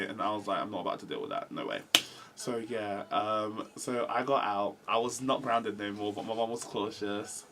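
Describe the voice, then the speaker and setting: Young man, storytime vlog, animated, jumps into voices for every quote. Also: fairly low pitch, slight background noise. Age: 20s. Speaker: vlogger. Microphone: camera mic.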